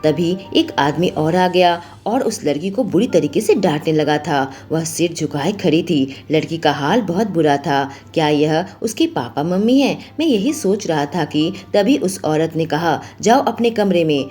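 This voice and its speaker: A woman with a low, mellow voice reads a story aloud, taking the narrator's part and every quoted voice herself. She sounds like a storyteller, with faint music under her. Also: animated, a little slow, few pauses. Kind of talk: first-person story narration.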